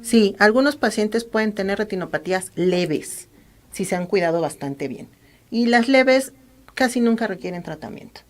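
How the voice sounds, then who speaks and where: A woman doctor with a Mexican accent, calmly explaining practical medical advice as an interview guest. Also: mid-range voice, moderate pace. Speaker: ophthalmologist guest.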